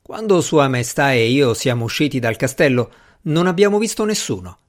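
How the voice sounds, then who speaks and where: A man voicing a confident, dismissive male magician in an audiobook, speaking in a brisk way. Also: mid-range voice, very animated, close to an everyday voice.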